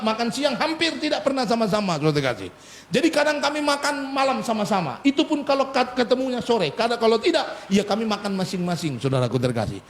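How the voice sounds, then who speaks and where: In a church, a middle-aged male pastor preaches an animated, humorous sermon, frequently turning to the congregation with asides. His voice sits high.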